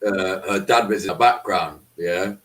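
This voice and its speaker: A man's voice: low-pitched, moderate pace, a bit bright. A man chatting casually as a football fan podcast host, slangy and emphatic, repeating himself for effect. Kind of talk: casual chat.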